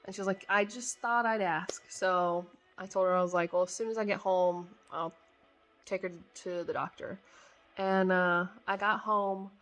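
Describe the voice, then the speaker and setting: A woman's voice: medium pitch, steady tone, moderate pace, a bit bright. A tired young woman, yawning now and then, chattily telling her story of her baby as a mother's testimony, quoting herself and others. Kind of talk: casual spoken testimony.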